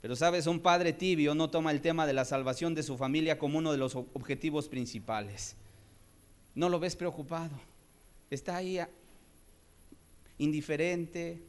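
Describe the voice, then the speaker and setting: A man delivers a sermon, his voice sitting a little high. He drops to quiet, low pleading, then climbs into loud, ringing cries. He keeps turning to his listeners with rhetorical questions. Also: steady tone, moderate pace, pauses often, clean tone. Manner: swings between soft low pleading and loud raised cries. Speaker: pastor.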